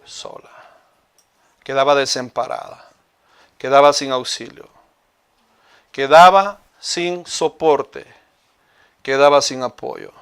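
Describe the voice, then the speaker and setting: A man's voice: medium pitch, slow, pauses often, a bit bright, clear, resonant tone. A male pastor preaching a sermon with passion, speaking straight to his congregation. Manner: impassioned preaching, addressing listeners as hermano.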